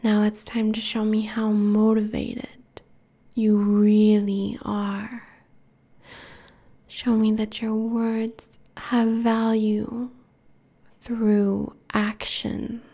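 A woman voicing a cruel, domineering immortal queen in a hushed, breathy whisper, slow and menacing. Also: mid-range voice, monotone. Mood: commanding. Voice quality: breathy whisper with gravelly fry. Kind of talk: whispered audio roleplay.

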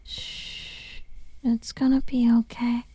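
A woman voicing a seductive, doting female succubus lover in an ASMR roleplay, whispering softly and cooing pet names. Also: medium pitch, level tone, very slow, gravelly, breathy edge, dry recording, heavily acted.

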